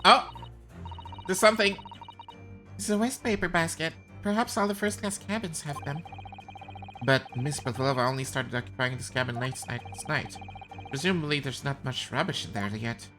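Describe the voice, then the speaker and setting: A woman's voice: very deep voice, fairly quick, music in the background. A woman streamer chatting casually and reacting aloud while playing a game.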